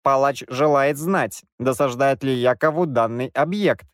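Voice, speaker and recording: A man voicing a cold male killer cyborg in a slow, flat, half-robotic monotone, with formal machine phrasing. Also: mid-range voice, no room sound, studio quality. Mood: flat menace. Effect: flat half-robotic monotone delivery. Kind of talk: audiobook reading.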